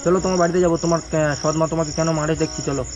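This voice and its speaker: A man's voice: fairly high pitch, little pitch movement, very fast, over music. A man outdoors at night by a road, asking a lost child question after question, exclaiming and soothing in turn. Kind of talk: casual unscripted night vlog.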